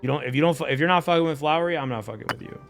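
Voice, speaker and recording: A man doing casual live game commentary for his chat, profane and excitable in his talk. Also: a little high, rapid-fire, gravelly. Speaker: game streamer. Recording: game music behind voice.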